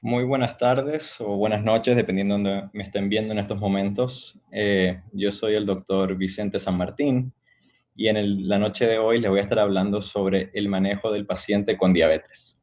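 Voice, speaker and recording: A middle-aged man from Chile, a doctor giving an online medical lecture in a measured, explanatory way with frequent hesitations. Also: fairly low pitch, fairly even intonation, a little mellow. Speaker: doctor, endocrinologist.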